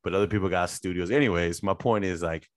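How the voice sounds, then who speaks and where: Male co-host, very low voice, dry home mic, loose halting delivery. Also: dry recording. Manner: casual, halting, repeats words. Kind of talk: casual chat. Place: his son's room at home. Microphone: home microphone.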